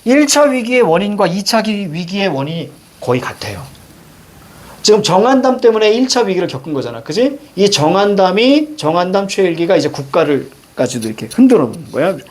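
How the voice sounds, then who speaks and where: A male teacher giving a brisk literature lecture, directing students and firing quick questions at them. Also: sits high, sing-song, darkish tone. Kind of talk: classroom lecture.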